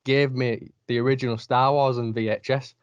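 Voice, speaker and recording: A man from the north of England with a northern English accent, hosting a podcast and telling animated stories with frequent laughs. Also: mid-range voice, normal speed, smooth, dry recording, lo-fi sound. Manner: animated storyteller, laughs often. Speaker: podcast host. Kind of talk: casual chat. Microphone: video call.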